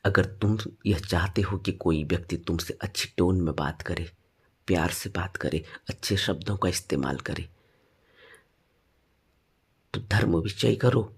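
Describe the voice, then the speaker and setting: A man teaching meditation in a spoken dharma talk, stressing points with sudden rises and then dropping low. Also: unhurried, long pauses, slightly rough.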